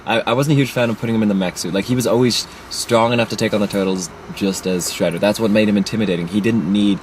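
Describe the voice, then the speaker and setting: An opinionated man chats casually about a film. His voice sits on the low side, and he stops and restarts often, stuffing his sentences with fillers. There is a faint hum of noise behind him. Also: fairly even intonation, rough recording. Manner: opinionated, halting with many "like" fillers. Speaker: movie reviewer. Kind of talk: casual chat.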